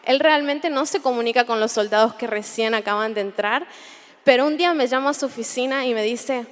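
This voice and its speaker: A woman's voice: on the high side, brisk. A young woman, giving an earnest personal testimony at a Bible conference, often repeating phrases as she searches for words. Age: 20s. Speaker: conference speaker. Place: large hall. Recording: long hall reverb.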